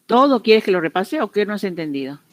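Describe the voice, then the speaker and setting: Her mid-range voice swinging widely in pitch, a woman English teacher explains grammar briskly in an online class, with no echo. She patiently repeats each example and checks often that her students follow.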